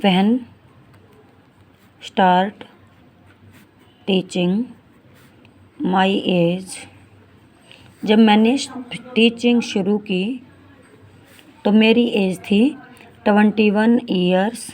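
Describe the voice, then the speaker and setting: A woman in her forties teaching a maths lesson, reading English word problems slowly and explaining each step in Hindi, calling her students beta. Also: mid-range voice, fairly even intonation, darkish tone. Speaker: math teacher.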